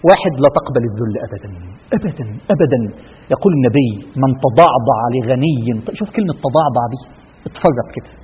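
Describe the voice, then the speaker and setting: A man with an Egyptian accent preaching a sermon, rousing, firing rhetorical questions and dropping from loud to hushed. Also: sits high, husky, big-room sound, muffled recording. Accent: Egyptian Arabic.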